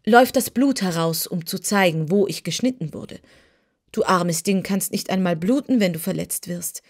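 A woman's voice: lowish voice, moderate pace. Woman voicing Jim, a boastful old cab horse. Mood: condescending. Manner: pompous, lecturing.

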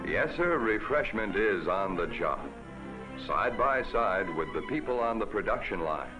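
Man, 1950s TV commercial voice-over: low, lively, folksy salesman read. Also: a little slow. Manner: folksy, upbeat pitchman. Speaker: commercial announcer. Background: music.

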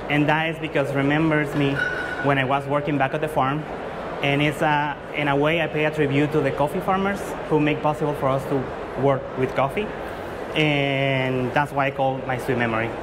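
A man from Guatemala speaks English, earnest and a little halting, leaning on fillers as he explains. His voice sits somewhat high for a man. The sound is picked up from a distance in a large, noisy exhibition hall. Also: fairly even intonation. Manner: earnest, with frequent fillers and restarts. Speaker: competing barista. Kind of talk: competition presentation to judges. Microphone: far camera. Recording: loud hall noise from far off.

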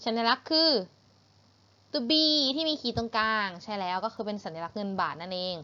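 A woman with a Thai accent teaching English to young pupils, patient and repeating each word slowly for pronunciation. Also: medium pitch, lively intonation, pushed and bright, highs cut off. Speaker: primary school English teacher. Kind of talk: online English lesson for children.

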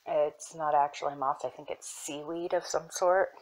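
A young woman casually showing her herb collection, soft-spoken and unhurried, with fillers and self-corrections that sometimes drop into a whisper. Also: low voice, steady tone, background noise. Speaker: apothecary shop owner. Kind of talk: casual show-and-tell.

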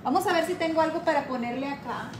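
A woman hosting a casual live craft tutorial, chatting warmly with her viewers and reading their comments aloud. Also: sits high, quick pace, noisy background. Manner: chatty, affectionate, calls viewers "my girls", reads comments aloud. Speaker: craft livestream host.

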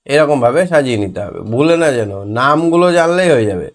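A man's voice: mid-range voice, big pitch swings, quick pace. Patient man spelling words for children. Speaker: primary school teacher. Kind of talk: homework lesson for young children.

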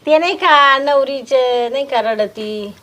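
A woman's voice: high-pitched, slow pace, fairly bright tone. Woman playing a thrifty village wife. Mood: bantering. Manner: homely, rustic, nagging about money. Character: thrifty rural village wife, chatty and bossy. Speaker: wife in a comedy skit. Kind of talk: comic domestic banter.

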